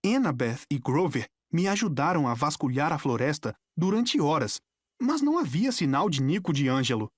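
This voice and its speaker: A woman with a Brazilian accent narrating an audiobook in a dramatic, expressive storytelling manner. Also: deep voice, normal speed, no room sound, clean studio sound. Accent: Brazilian Portuguese. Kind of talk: scripted narration.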